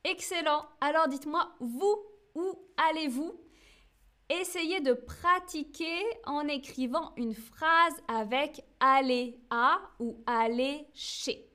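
A woman with a high voice teaches a French lesson on a live stream. She talks slowly and patiently, pausing to check that viewers follow and answering their chat messages as she goes. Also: sharp tone. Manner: slow, clear, patient teaching with frequent checks.

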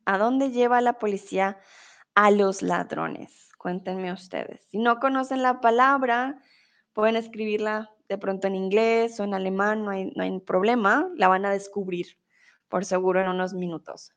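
A woman's voice: medium pitch, fairly even intonation, moderate pace. A young woman teaching a live online Spanish lesson, reading out viewers' comments with patient encouragement and frequent laughter.

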